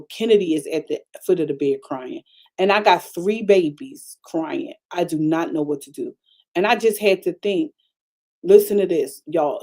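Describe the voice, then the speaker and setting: A mellow-voiced older woman pastor delivers a storytelling sermon. She is animated and emphatic and speaks directly to her listeners. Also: on the low side. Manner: animated, emphatic, talks straight to the audience.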